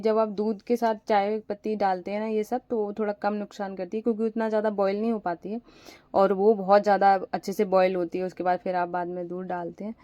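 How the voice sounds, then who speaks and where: A woman's voice: mid-range voice, warm tone, no room sound, muffled recording. A young woman narrating her household chores in a chatty, rambling home voice-over while sick with a fever. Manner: chatty and rambling, frequent fillers. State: feverish and weak. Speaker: home vlogger.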